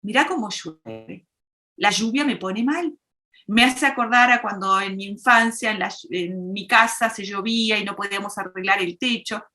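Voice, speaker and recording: A woman's voice: mid-range voice, moderate pace, pushed and bright, close to an everyday voice. A woman voicing a tearful grown man who blames the rain for his sadness, speaking plaintively. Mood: sorrowful.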